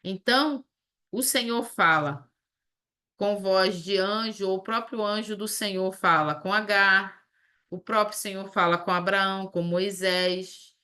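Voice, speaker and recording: A woman teaching a Bible study lesson. She reads scripture slowly, then explains it in a conversational way. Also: mid-range voice, sharp tone.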